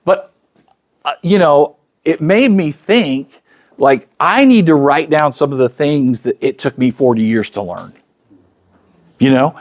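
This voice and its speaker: Man, 50s, slightly high voice, chatty motivational speaker addressing a live audience. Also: animated, measured pace, pauses often. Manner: conversational, acts out quoted dialogue; chatty, speaks directly to the crowd. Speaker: luncheon speaker.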